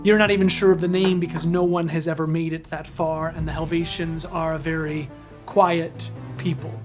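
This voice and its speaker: A man narrating a tabletop role-playing game as game master, in measured, descriptive narration. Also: on the high side, level tone, music in the background. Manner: measured, descriptive narration with self-conscious asides.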